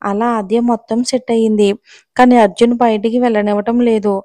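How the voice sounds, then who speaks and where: Woman, storyteller, scripted novel narration, steady even reading, somewhat high voice, dry close sound. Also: a little fast, dry recording.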